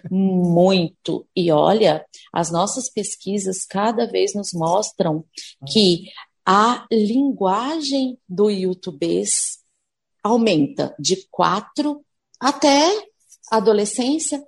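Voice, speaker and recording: A woman's voice: mid-range voice, lively intonation, slow pace, vocal fry. A woman, a speech therapist answering interview questions patiently and acting out what parents and children say. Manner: explains patiently, acting out parents' and kids' words.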